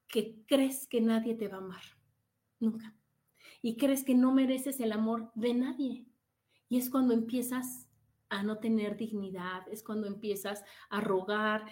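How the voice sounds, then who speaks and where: A woman hosting a reflective talk, asking her listeners questions and acting out quoted people. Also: fairly high pitch. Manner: speaks to listeners with rhetorical questions and "¿no?"; acts out quoted people in brighter, louder bursts. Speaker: podcast host. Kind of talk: reflective monologue.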